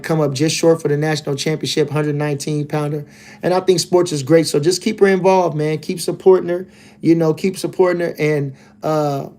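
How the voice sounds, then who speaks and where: Casting note: male streamer, slightly higher voice, loose rambling fight talk. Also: a little mellow. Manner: laid-back, loose and rambling, lots of "you know what I'm saying". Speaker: livestream host, boxing commentator. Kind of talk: casual livestream chat reading comments.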